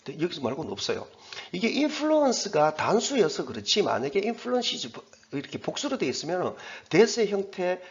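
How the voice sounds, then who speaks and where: Man, English teacher, exam-prep lecture, step-by-step explaining, animated pitch, dull lo-fi recording. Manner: explains step by step, pointing at the text on the board; mixes English terms into Korean explanation.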